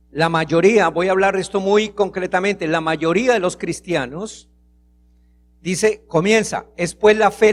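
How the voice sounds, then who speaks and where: A man preaching a sermon to a congregation, reading scripture aloud and acting out a small example from family life. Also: a little high. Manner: preaching, acts out a child's pleading voice. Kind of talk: sermon with prayer.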